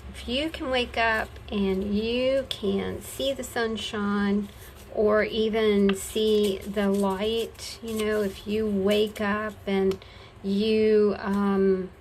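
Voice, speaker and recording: A woman's voice: medium pitch, slight background noise, rough recording. A woman chatting casually to her viewers while she crafts, folksy and affectionate, talking to herself as she works. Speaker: craft vlogger.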